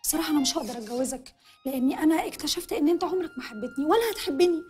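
An actress in an Egyptian sitcom with an Egyptian Arabic accent, speaking in teasing, suspicious banter. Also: female voice, high voice, rapid-fire, darkish tone, faint music behind, close to an everyday voice. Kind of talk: TV sitcom acting.

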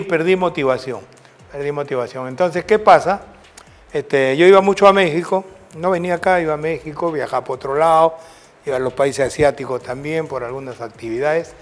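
Speaking at a moderate pace in a somewhat high voice, the ex-football coach from Peru shares wandering stories during an interview. His Peruvian Spanish accent comes through, and he tends to end remarks by asking "right?". He is an older man.

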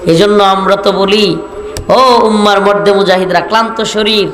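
A man from Bangladesh preaching a sermon, rhetorical and building to shouted emphasis. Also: sits high, steady tone, normal speed. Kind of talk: Bengali waz sermon. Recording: echoey hall with faint noise.

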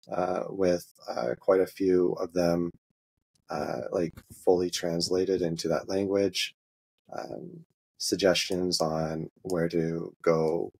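A man with a very deep, gravelly voice that has a husky edge, guesting on an interview as an open source maintainer. He walks through a software demo in a halting, easygoing way, dotted with filler sounds.

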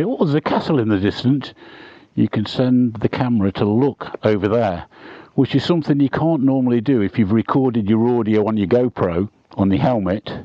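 A motovlogger with a medium-pitched voice chats conversationally while riding a motorbike on outdoor country roads. He's recorded on a wireless mic inside his helmet, so the sound is muffled, band-limited, and echo-free, with loud wind and engine noise behind him.

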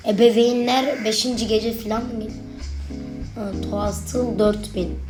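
A young woman with a slightly high, fairly even voice gives casual let's play commentary on a babysitting horror game at normal speed, with music in the background. As a gaming video creator, she chats with her viewers and talks back to the on-screen baby.

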